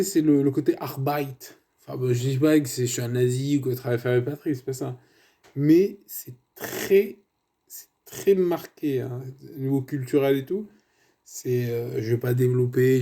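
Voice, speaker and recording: A man's voice: medium pitch, mellow. A man in his thirties giving a casual, rambling film review, full of asides and fillers. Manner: rambling and digressive, many fillers and tu vois asides.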